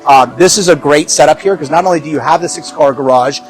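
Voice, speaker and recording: This man talks fast in a slightly high voice, with faint music in the background of a low-quality recording. Playing a real estate agent, he leads a casual tour through a large house, upbeat and chatty, full of fillers and quick laughs.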